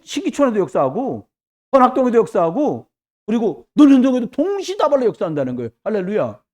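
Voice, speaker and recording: A man preaching a sermon as pastor in a church, jumping between loud exclamations and hushed asides. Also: high-pitched. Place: church sanctuary.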